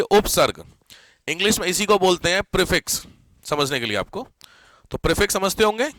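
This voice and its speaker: High, bright-voiced man teaching grammar. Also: dry recording. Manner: keeps checking if students follow, mixes English words into Hindi; repeats key words slowly for dictation. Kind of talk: live classroom lesson.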